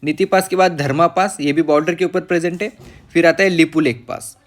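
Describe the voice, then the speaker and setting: A man teaching geography from a map for exam students, pausing with fillers and saying "okay" after nearly every point. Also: fairly high pitch, steady tone. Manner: repeats "okay" after nearly every point, mixing English terms into Hindi; pauses with fillers and self-corrections while reading the map. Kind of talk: map-based lecture.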